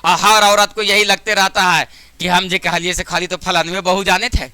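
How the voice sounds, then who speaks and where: A man's voice: high voice, little pitch movement, moderate pace, bright, forceful tone, clear, resonant tone, no room sound. A man with a Bihari accent teaching math to a class in a classroom, chatty and joking, sometimes scolding students. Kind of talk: classroom lesson.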